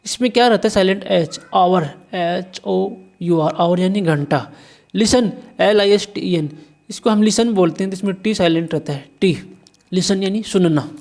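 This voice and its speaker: In this exam paper walkthrough lesson, an Indian teacher spells out words letter by letter and answers self-posed questions. The voice sits at medium pitch, moves at normal speed, and sounds a little mellow.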